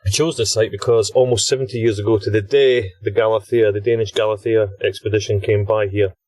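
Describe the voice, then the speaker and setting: A British man hosting a podcast, chatting and laughing often while he records an audio log from inside a small deep-sea submersible. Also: steady tone, a little fast, a little mellow, no room sound. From Britain. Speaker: expedition scientist and podcast host.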